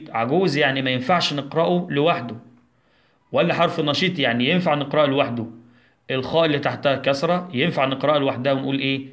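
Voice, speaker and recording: This Egyptian-accented primary school teacher, speaking at a medium pitch with a slightly bright tone, leads a recorded lesson for small children. He poses questions and supplies the answers, drawing out each syllable slowly as he drills the sounds.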